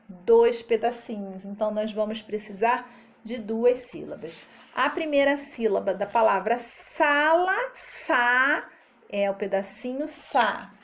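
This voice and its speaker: A woman teaching a literacy lesson, breaking words into syllables and letters slowly and carefully. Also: a little high. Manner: slow, careful syllable-by-syllable explanation.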